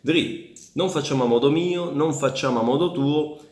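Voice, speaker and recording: A man teaching Italian in a casual online lesson, chatty and often checking in with quick tag questions. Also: on the high side, darkish tone, roomy sound. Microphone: camera.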